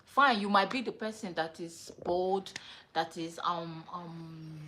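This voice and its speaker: A woman hosting a livestream, giving a motivational talk in a slow, repetitive, emphatic way with many fillers. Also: on the low side, noisy background.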